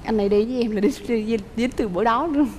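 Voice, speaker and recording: A woman's voice: fairly high pitch, racing, darkish tone, slight background noise. A woman aged 30 with a southern Vietnamese accent, telling stories casually and playfully as a talk show guest. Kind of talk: animated casual storytelling. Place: TV studio stage.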